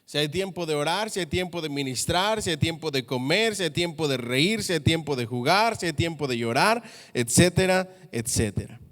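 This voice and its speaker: A male pastor delivers a sermon in a church. His voice sits a little high for a man, and each phrase rings out into a long reverb. He keeps checking in with the listeners by asking them questions. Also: expressive, moderate pace, few pauses, a bit bright.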